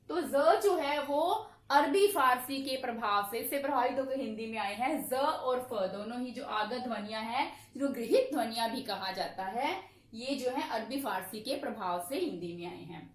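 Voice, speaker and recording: A woman teaching a grammar lesson, asking questions and answering them herself and repeating examples slowly. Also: fairly high pitch. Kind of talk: classroom-style lesson. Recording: echoey room.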